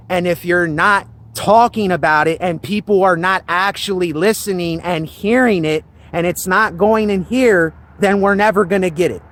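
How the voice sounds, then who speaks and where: Slow, high-voiced man preaching earnestly. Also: fairly bright tone. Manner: earnest and preachy, repeats himself. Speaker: channel host. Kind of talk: casual monologue to camera.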